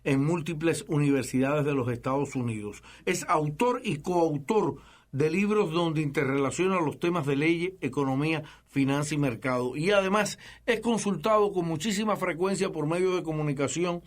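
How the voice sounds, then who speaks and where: A man's voice: on the high side, normal speed. A man in his forties hosting a radio interview, asking questions in a conversational, hesitant way. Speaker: radio host.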